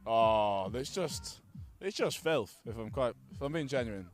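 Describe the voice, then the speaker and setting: A young man with a broad Yorkshire accent calls live rugby from the touchline, bantering and getting worked up over the action. His voice sits at an ordinary pitch, and faint music plays somewhere behind him. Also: unhurried. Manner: excitable, playful banter. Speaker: co-commentator.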